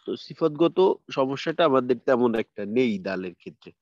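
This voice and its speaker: A man's voice: mid-range voice, expressive, a little fast, no echo, lo-fi sound. A man teaching a tajweed lesson over a video call, patiently repeating letter sounds for his students to copy. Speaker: Quran recitation teacher.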